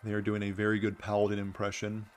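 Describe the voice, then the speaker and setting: A man's voice: on the low side, completely flat delivery, fast. A man giving casual gameplay commentary as host, with a dry, wry, understated way of talking. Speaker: gaming video host.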